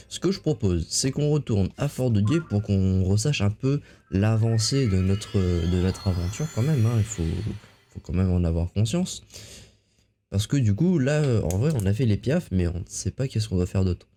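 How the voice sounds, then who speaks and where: A man's voice: fairly low pitch, mellow. A man casually commentating a video game as he plays and reading the on-screen dialogue aloud. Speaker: gamer. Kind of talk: let's play commentary.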